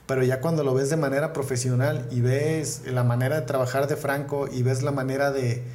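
In a room with noticeable echo and audible background noise, a podcast guest who does comedy chats and spins stories with a northern Mexican accent. His medium-pitched voice is level, fairly quick, and a little mellow, and his talk is full of slang and swearing, with words repeated for emphasis.

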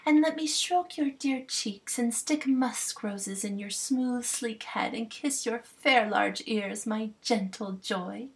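A woman voicing a lovestruck fairy queen who speaks softly and dotingly. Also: on the high side, slow pace, few pauses, voice pushed up.

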